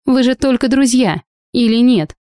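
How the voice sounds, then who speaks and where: Woman reader doing an indignant young woman defending her friend, warm, dry. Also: fairly high pitch, normal speed, no echo, voice pushed up, close to an everyday voice. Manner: indignant, sharp.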